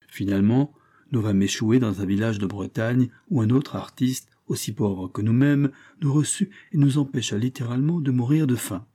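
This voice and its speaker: Husky warm male storyteller. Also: medium pitch. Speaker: narrator. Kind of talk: audiobook narration.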